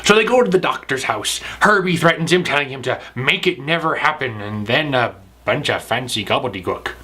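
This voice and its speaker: A man playing a blustering pirate who talks in gruff pirate slang and bosses people around. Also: medium pitch, expressive, fairly quick, pushed and bright. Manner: growling pirate talk, bossy and pushy. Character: blustering pirate named Cowhead, adult man. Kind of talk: comedic sketch within a review show.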